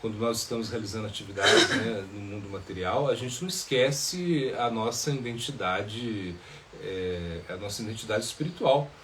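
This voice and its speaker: A man's voice: lowish voice, moderate pace, a bit bright, slight background noise. Hesitant man giving a spiritual talk. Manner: hesitant, many filler sounds and tag questions. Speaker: monk teaching in a live Q&A. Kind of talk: spiritual talk answering questions.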